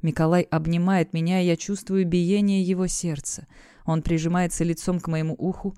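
Audiobook narrator, female, low-pitched, smooth warm voice, dry close recording. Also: little pitch movement, moderate pace, dry recording. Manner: acts out the shouting parents and lovers in her own voice. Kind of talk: first-person audiobook narration.

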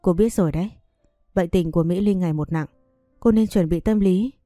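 A woman voicing an older woman doctor near retirement, who speaks in a calm, measured way. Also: lowish voice, no room sound, studio quality, faint music behind, lightly acted.

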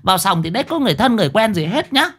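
A man voicing a loud, quarrelsome middle-aged woman gambler who scolds rapidly. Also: sits high, very animated, breathy edge, pitched above the performer's own voice, full character voice. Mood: scolding. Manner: rapid scolding, sharp-tongued.

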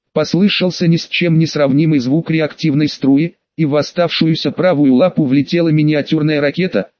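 A man's voice: on the high side, a little mellow, dry recording. A man narrating an action audiobook in the first person, reading steadily and evenly. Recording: dull, slightly lo-fi dry recording.

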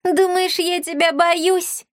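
A woman's voice: sits high, expressive, takes it slowly, fairly bright tone, no echo, studio quality, voice pushed up, full character voice. A woman voicing a sly, conceited traitor boy who sneers haughtily. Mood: smug, sneering.

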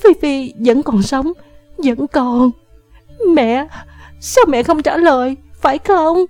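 A woman's voice: high-pitched, slow, a little mellow, dry recording, faint music behind, voice pushed up. A woman voicing a feverish, grief-stricken teenager who sobs, screams and pleads in an audiobook. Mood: pleading. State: crying. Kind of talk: audiobook character voice.

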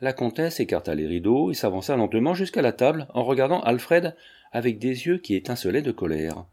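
With a mid-range voice, a man narrates a classic novel as an audiobook, keeping his scripted literary reading measured and even.

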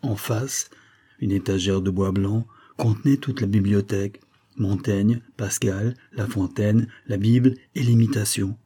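Low, mellow male narrator. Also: fairly even intonation, measured pace, breathy edge. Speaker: audiobook narrator. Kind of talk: scripted narration.

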